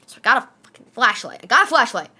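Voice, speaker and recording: A woman's voice: a little high, very animated, quick pace, sharp tone, slightly rough. A young adult woman streamer with a slight lisp, chatting casually with her viewers in a rambling way, full of fillers and swearing.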